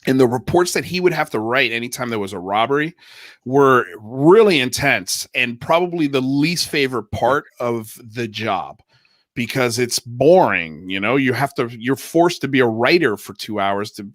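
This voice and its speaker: A man's voice: medium pitch, a bit bright, dry recording. A man hosting a casual interview in an effusive, informal way. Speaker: livestream host.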